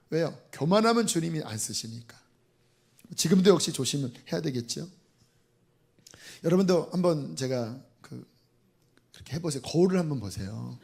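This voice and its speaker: A male pastor delivers a sermon to his congregation in a church, his voice sitting high. He preaches in a lively, animated way, acting out faces and little voices and scattering fillers through his speech.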